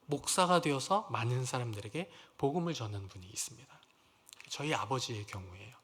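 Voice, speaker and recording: A man's voice: mid-range voice, a bit bright. A middle-aged man preaching a sermon as pastor, telling stories earnestly and sometimes acting out quoted lines. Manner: storytelling, earnest, acts out quoted lines with rising emotion. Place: large church sanctuary. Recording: long reverb of a church hall.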